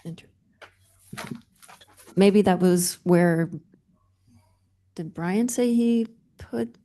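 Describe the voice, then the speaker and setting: A woman serving as chair pro tem on a city board, speaking in a brisk, practical way. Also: lowish voice, warm tone, slight background noise. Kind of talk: public meeting discussion.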